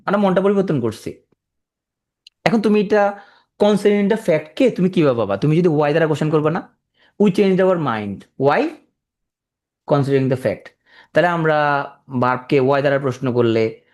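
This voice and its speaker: Lively Bangladeshi man teaching grammar. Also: fairly high pitch. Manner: lively, asks students frequent rhetorical questions. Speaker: exam-prep English grammar teacher. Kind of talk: online lecture to students.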